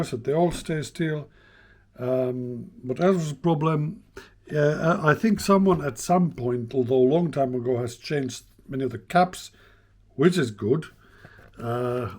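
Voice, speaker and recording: The host of a vintage radio repair channel gives an informal, unscripted hands-on demonstration, thinking aloud hesitantly as he explains. His voice is medium-pitched with a darkish tone.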